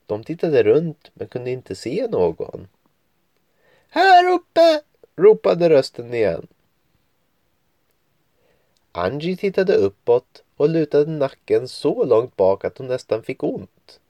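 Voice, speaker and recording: A man's voice: mid-range voice, sing-song, dark tone, no room sound. A man reading a children's story aloud at home, with playful voices for the children's lines. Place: home room at a computer.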